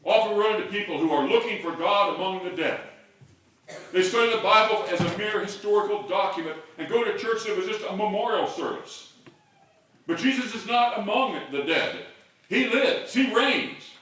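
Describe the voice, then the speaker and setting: Older guy preaching, higher voice, kinda far from the mic, big echoey church. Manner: builds to loud call-and-response shouts. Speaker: pastor. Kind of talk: sermon. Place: large church sanctuary.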